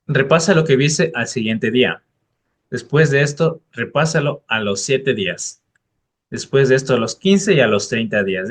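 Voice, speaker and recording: A man, an English tutor, giving direct and encouraging study advice to the viewer in a casual explainer video. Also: medium pitch.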